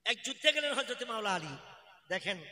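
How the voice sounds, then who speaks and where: A Bangladeshi man with a Bangladeshi Bengali accent, preaching a shouted waz sermon and calling for responses from the crowd. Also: extremely high pitch, very animated, a little fast. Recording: echoey PA with long reverb.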